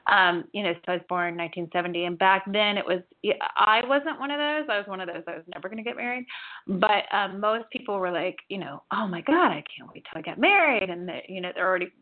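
A woman's voice: mid-range voice, lively intonation, quick pace. Woman in her forties, psychic reader, rambling chatty forecast, thin phone-like audio. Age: 40s. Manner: chatty, rambling, frequent "you know". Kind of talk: spiritual forecast monologue.

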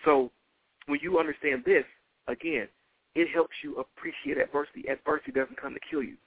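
A man delivers a motivational sermon over a thin, phone-like line with very little room sound. His voice sits a little high, and he speaks with fervent emphasis. He hammers key phrases home by repeating them like a preacher. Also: a little fast, slightly rough, dry recording.

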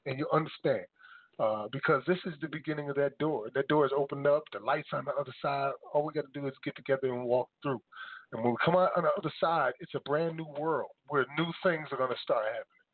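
A man's voice: medium pitch, fast talker, phone-quality sound. A man co-hosting a radio show, signing off with earnest, preachy remarks. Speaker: co-host.

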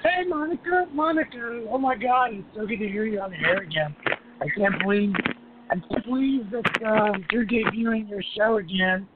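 A man's voice: sits high, normal speed. A man chatting casually and enthusiastically as a radio guest, gushing as he talks. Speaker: guest, radio show host. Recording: noisy tinny phone line with clicks.

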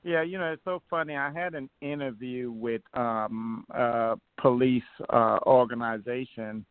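Man from trinidad and tobago, candidate guest, earnest, halting, tinny phone line, dry. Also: medium pitch, fairly even intonation, clear, resonant tone, dry recording. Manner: earnest, many fillers and restarts. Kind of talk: phone-in interview, casual.

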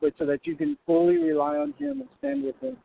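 A man's voice: very high-pitched, very animated, a little fast, vocal fry, a little hiss or hum. A man calling in on a buzzy, glitchy phone line that keeps breaking up. He preaches fervently from a moving car and speaks straight to the listener. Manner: fervent, exhorting, addresses the listener directly. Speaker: caller. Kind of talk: prophetic preaching over the phone. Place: driving through the hills. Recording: tinny, breaking-up phone call.

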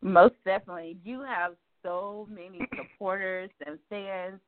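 A woman from South Carolina with a mid-range voice, fairly even intonation and a measured pace hosts a talk show, asking her questions in an enthusiastic, chatty way and laughing often. It's a casual interview chat, and her voice comes through a narrow, phone-like line.

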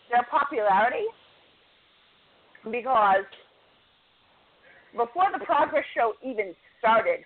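A woman co-hosting a podcast, chatting casually and telling stories as she runs through match results. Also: a little high. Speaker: podcast co-host. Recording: tinny phone-like audio.

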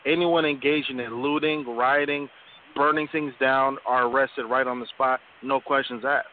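A man calling in to a radio show, arguing bluntly and forcefully. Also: medium pitch, fairly even intonation, moderate pace, a little hiss or hum. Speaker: caller. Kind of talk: heated call-in debate. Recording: tinny phone line.

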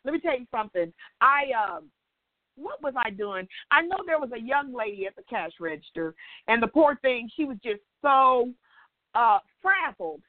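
An older woman leading an informal Bible study, a chatty, animated storyteller who acts out dialogue and keeps checking in with her listeners. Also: a little high, moderate pace, no echo. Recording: tinny phone-line audio, dry.

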